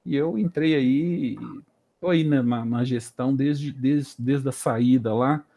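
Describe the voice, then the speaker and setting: A man's voice: mid-range voice, takes it slowly, mellow, lo-fi sound. A man in his late forties with a Brazilian Portuguese accent, casually telling his career story as an interview guest, hesitating and repeating words as he thinks. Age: late 40s.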